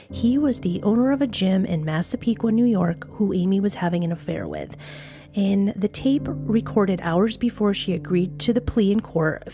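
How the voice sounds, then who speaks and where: A woman's voice: medium pitch, warm tone. A woman hosting a true crime podcast, narrating the case in a conversational storytelling way with casual asides. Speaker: podcast host.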